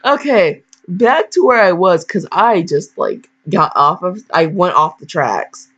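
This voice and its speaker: Reading fan fiction out loud, this host wanders off into slangy, blunt asides and playful scolding. Her voice is on the low side, animated and a little slow, with a fairly bright tone, all in a dull lo-fi recording.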